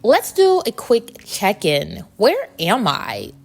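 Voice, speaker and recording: A woman's voice: medium pitch, wildly swooping pitch, takes it slowly, gravelly, faint music behind. A woman hosting a casual, reflective solo podcast, speaking candidly and conversationally, with slightly muffled articulation from braces. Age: adult. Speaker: podcast host.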